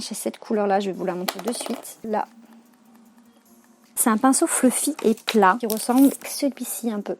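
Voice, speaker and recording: A young beauty vlogger chats casually through a makeup tutorial, slangy and full of fillers and self-corrections. Her voice is fairly high with a dark tone.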